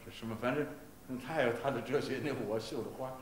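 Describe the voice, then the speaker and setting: A man teaching voice in a masterclass, stopping to sing short phrases as examples, in a halting, repetitive way full of fillers. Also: medium pitch, fairly even intonation. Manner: breaks into sung Italian phrases to demonstrate. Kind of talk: masterclass coaching a singer. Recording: roomy archival class recording, faint hiss.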